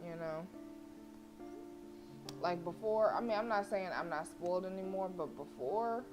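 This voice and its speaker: With a voice on the low side and a measured pace, a sassy woman gives casual, slangy livestream commentary, reacting to a game and reading a visual novel aloud. The sound is lo-fi, with plucked guitar game music behind her.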